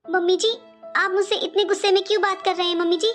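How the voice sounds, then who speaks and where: A woman's voice: very high voice, fairly even intonation, quick pace, a bit bright, faint music behind. A woman voicing a meek young pregnant wife in a cartoon, who talks in a plaintive, pleading way.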